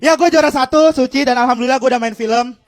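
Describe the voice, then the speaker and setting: A man's voice: very high voice, fast talker, faint music behind. A man with a Jakarta Indonesian accent performing stand-up comedy as an escalating rant, exclaiming and acting out bits of dialogue.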